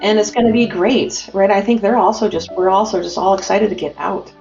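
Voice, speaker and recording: This mid-range, steady American voice belongs to a woman guest from a printing company, speaking a little fast with some vocal fry. She's promotional and upbeat in a remote business interview, using lots of fillers. Faint music plays behind roomy, dull audio.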